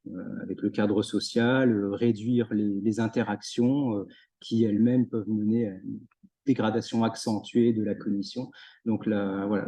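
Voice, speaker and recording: A young man answering jury questions at his thesis defense, pausing often with fillers and restarts. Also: fairly low pitch, dark tone, slightly rough, rough recording. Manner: hesitant, many fillers and restarts. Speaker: PhD candidate defending thesis. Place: university room in a Zoom recording.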